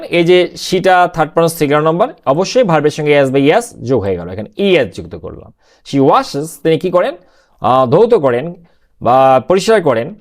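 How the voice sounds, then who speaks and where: A teacher walks through a translation lesson with a voice that swings high and low, posing questions and answering them straight away. English phrases come out slow and spaced, word by word. Each rule gets patiently repeated. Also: a little mellow. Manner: asks and answers own questions; repetitive, patient explaining. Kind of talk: classroom-style translation lesson.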